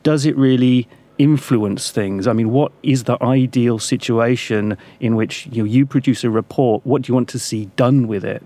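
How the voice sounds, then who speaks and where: A man of middling pitch conducts an interview conversationally. He is informal and discursive, working his way toward probing questions. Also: normal speed, hardly any pauses, dark tone.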